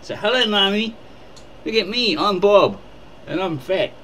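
A man's voice: high-pitched, expressive, a little slow, bright, forceful tone, a little hiss or hum, voice pushed up, full character voice, low-quality recording. A man voicing his fat, pampered male house cat, cheery and full of self-praise. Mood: cheery, smug.

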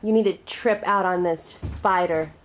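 A young woman chatting excitedly and full of exclamations on a casual home video. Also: on the low side, a little slow. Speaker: horror show host. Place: small room indoors at night. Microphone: camera mic. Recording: noisy home camcorder recording.

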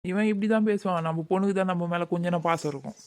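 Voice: mid-range voice, quick pace, lightly acted. A performer voicing a sheepish, coaxing father in a cartoon, with speech. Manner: coaxing, pleading. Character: sheepish village father, coaxing and soft-spoken. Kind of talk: cartoon voice acting.

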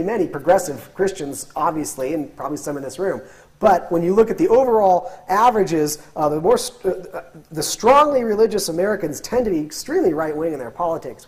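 A guest lecturer in his thirties speaks in a classroom with a whiteboard, his voice sitting high and a little mellow. He's animated, with frequent restarts and fillers, picked up on a lapel mic, and the lecture includes audience questions.

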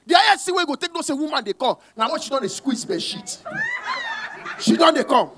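High-pitched Nigerian comedian shouting punchlines. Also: male voice, sing-song, brisk, no room sound. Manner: loud, punchy, switches into voices of others, shouts punchlines. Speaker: stand-up comedian. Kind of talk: stand-up comedy in Pidgin and English. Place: cinema hall stage with a live audience. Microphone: handheld mic. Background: audience laughter.

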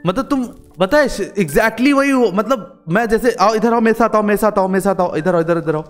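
A man hosting a casual game role-play, talking excitedly with lots of exclamations and fillers. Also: high voice, a little fast, faint music behind. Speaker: gaming channel host.

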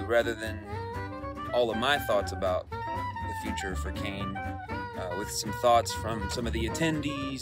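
Guy in his 30s vlogging from his car on his phone, bouncy voice, loud guitar music under it. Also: mid-range voice. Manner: lively, upbeat, some filler pauses. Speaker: video host. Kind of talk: casual vlog recap. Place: inside a parked car. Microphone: phone camera close up.

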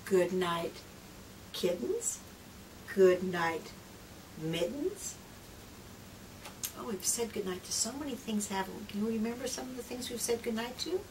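A middle-aged woman, a presenter and trainer for children's read-alouds, reads a picture book to little ones in a mid-range voice. Gentle and expressive, she lingers on phrases, sometimes hushes to a whisper, and asks the listener questions. The recording, from a distant camera mic in a small room full of picture books, carries clear background noise.

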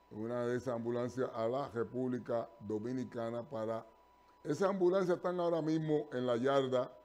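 An older man from Rico, hosting a live TV call-in show in a studio. He talks haltingly, with many fillers and restarts, and grows emphatic. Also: mid-range voice, dark tone. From Puerto Rico. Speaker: TV call-in show host and pastor.

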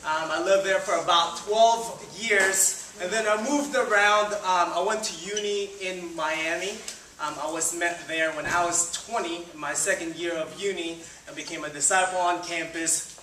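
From a distance, a camera with no mic in sight records roomy hall sound as a student ministry leader in his twenties, from the Philippines, delivers an upbeat, chatty informal sermon on a church hall stage, full of fillers. His high-pitched voice is pushed and bright, with a steady tone at normal speed, and a little hiss or hum can be heard.

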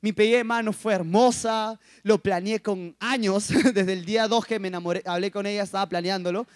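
High-voiced emotional young man. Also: a little fast, no room sound, clean studio sound. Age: 20s. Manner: animated, emotional storytelling with acted quotes. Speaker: youth speaker. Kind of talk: emotional personal testimony. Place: school assembly.

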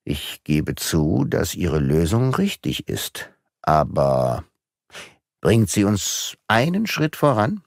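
A man voicing a measured, matter-of-fact middle-aged male magistrate in an audiobook. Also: low voice, big pitch swings, creaky, no echo, clean studio sound, exaggerated voice.

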